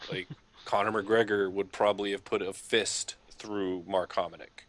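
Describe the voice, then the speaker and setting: A man's voice: on the low side, flat delivery, moderate pace, fairly bright tone, no room sound. A man co-hosting a casual podcast, arguing his views with plenty of fillers and some swearing. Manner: argumentative, hedging with fillers, swearing. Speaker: podcast co-host. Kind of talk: casual sports chat.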